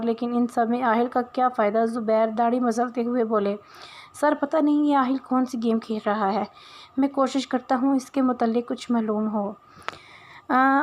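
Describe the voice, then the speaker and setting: A woman reading a romance novel aloud in a steady, even way, with small hesitations between lines. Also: fairly high pitch. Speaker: novel reader.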